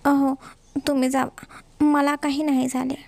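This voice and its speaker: A woman's voice: sits high, little pitch movement, a little slow. Woman playing a shy tearful young wife. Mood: pleading. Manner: soft, whiny, tearful.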